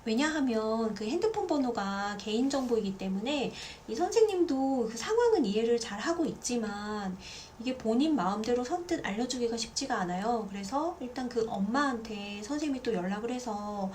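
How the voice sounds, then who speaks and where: Casting note: a lively, chatty woman in her thirties giving parenting advice to camera, slightly high voice. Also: normal speed, hardly any pauses, slight background noise. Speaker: parenting vlogger. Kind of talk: casual talk to camera.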